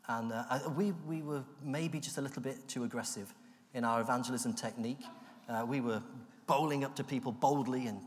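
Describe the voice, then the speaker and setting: A man from the UK giving an animated, self-deprecating personal testimony that acts out the voices in his story. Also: mid-range voice, brisk. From United Kingdom. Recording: long hall reverb.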